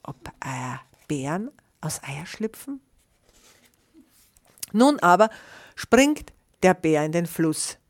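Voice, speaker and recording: A woman reading a children's picture book aloud in a lively way, pausing to describe the pictures. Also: low-pitched. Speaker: storyteller.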